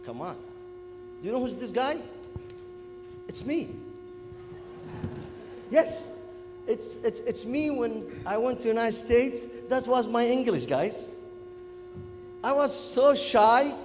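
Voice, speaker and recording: Gulf arabic accent guy, arabic native, kinda high voice, animated informal lecture to students, big echoey hall. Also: slow, pauses often, background noise. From Kuwait. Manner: animated, informal, often checks in with listeners. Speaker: public speaking workshop lecturer. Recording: echoey hall, music in the background.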